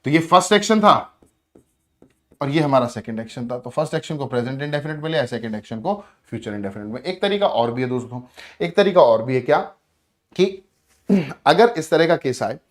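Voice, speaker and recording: In an animated, brisk voice of medium pitch, a man teaches English grammar for exam preparation. He poses his own questions and answers them step by step, addressing his students as friends and brother.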